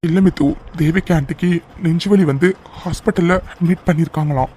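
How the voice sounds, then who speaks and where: A performer voicing a young husband in a cartoon, hesitant at first and then gently comforting his wife. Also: mid-range voice, a little fast, slightly rough, lightly acted. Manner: soft, hesitant, reassuring. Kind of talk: cartoon voice acting.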